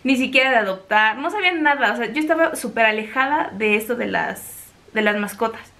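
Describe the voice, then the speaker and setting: A young woman with a Mexican accent telling a personal story in a chatty, animated way. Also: a little high, fairly quick. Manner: chatty, animated, acts out quoted voices. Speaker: vlogger. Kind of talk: casual storytelling.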